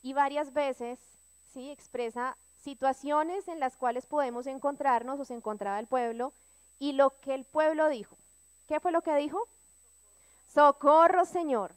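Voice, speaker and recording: A woman's voice: high voice, normal speed. A woman sharing with her church prayer group, reading scripture aloud and speaking with earnest emphasis. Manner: earnest, rising to emphatic cries when reading.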